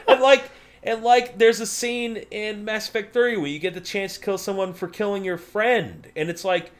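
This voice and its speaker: A man co-hosting a casual gaming podcast, excitable, swearing freely and laughing often. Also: high-pitched, normal speed. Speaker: podcast co-host.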